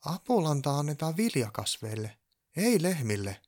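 A man's voice: mid-range voice, sing-song, voice pushed up. A man voicing a kind, bewildered elf who cares for cows, asking innocent questions. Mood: puzzled.

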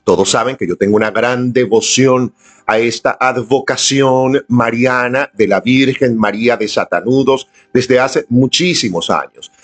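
Indoors at home and filming on a camera, a man leads a live-streamed devotional prayer. His mid-range voice is unhurried, and he speaks earnestly, inviting viewers to join in.

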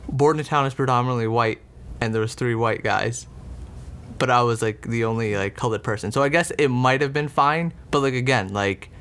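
A man's voice: mid-range voice, a little fast, fairly bright tone, smooth. A man in his twenties recounting a story in a casual interview, rambling with lots of "like" and "um". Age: 20s. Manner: rambling, frequent "like" and "um", laughs.

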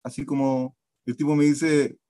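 A man from Chile with a Chilean Spanish accent, a radio guest telling a story in an animated way. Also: mid-range voice, moderate pace, no room sound. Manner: animated storyteller, acts out voices. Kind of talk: casual anecdote telling.

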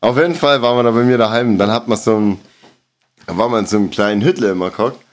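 A man's voice: lowish voice, rapid-fire, slight background noise. A man, co-hosting a casual podcast, telling a story and laughing often. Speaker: podcast co-host.

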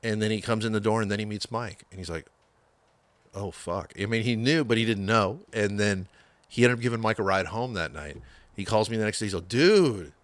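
A man's voice: lowish voice, quick pace, a bit bright, no echo. A man telling band stories in a loose podcast chat, full of swearing, acting out other people's lines as he goes. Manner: profane storytelling, acts out quotes.

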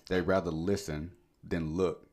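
A man's voice: sits low, little pitch movement, measured pace, a little mellow. A man co-hosting a late-night radio show in casual, rambling banter, laughing easily.

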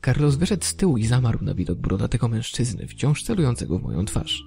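Gravelly deadpan male story narrator. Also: medium pitch, fast, faint music behind.

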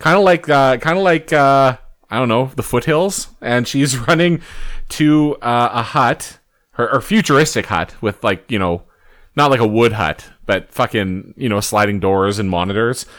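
A man's voice: mid-range voice, animated, normal speed, fairly bright tone. A man co-hosting a casual movie review chat, recapping scenes in a laid-back way with fillers and casual swearing. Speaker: podcast co-host.

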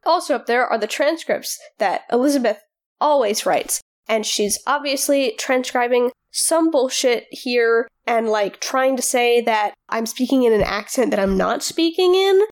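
A fairly high-voiced woman co-hosts a podcast in loose, casual chat. She rambles, pausing on fillers and doubling back on her own sentences. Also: expressive. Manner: rambling, full of fillers and restarts. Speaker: podcast co-host.

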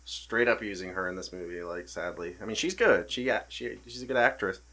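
A man's voice: lowish voice, expressive, brisk, bright, forceful tone. A man in a casual podcast chat, blunt and swearing freely while talking about a film.

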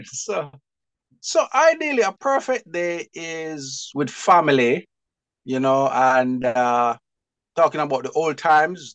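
A man with a Jamaican accent, chatting as an interview guest, lively and quick to laugh. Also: fairly high pitch, dry recording. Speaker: guest, publisher. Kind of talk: casual interview chat.

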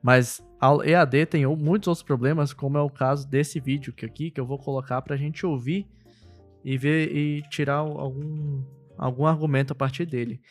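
A man's voice: on the high side, fairly even intonation, normal speed, soft background music. A man with a Brazilian Portuguese accent hosting a podcast in a laid-back, slangy chat. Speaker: podcast host.

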